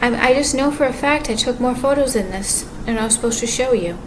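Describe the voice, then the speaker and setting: A quiet-voiced woman vlogger rambles in a casual monologue to camera, her voice a little high. She halts often, with many restarts and fillers. Background ambience comes through clearly.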